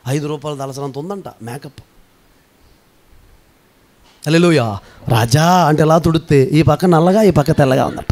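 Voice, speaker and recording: A man preaching a sermon as pastor, animated and teasing, calling on the congregation to answer back. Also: fairly high pitch, normal speed, pauses often.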